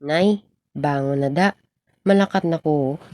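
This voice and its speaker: In an amateur radio drama in a Filipino regional language, a young woman plays an earnest schoolboy who is smitten and in love. She speaks in a low voice at a measured pace. Background noise is audible.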